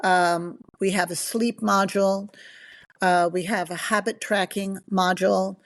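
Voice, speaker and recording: A woman's voice: mid-range voice, fairly even intonation, measured pace. A middle-aged woman from the Bahamas, a nutrition coach talking as a podcast guest in an enthusiastic, chatty, storytelling way. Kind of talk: casual podcast interview.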